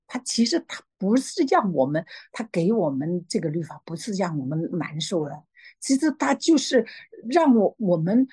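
A woman sharing a personal faith testimony, hesitant with frequent restarts and fillers, growing lively as she tells a story. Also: on the low side, breathy edge, no room sound. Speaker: church member sharing a testimony.

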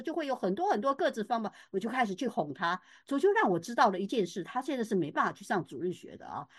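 Older woman, faith testimony, lively swooping pitch, emphatic, halting with fillers. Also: no echo, studio quality. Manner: animated, emphatic, many fillers and restarts. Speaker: church member giving testimony.

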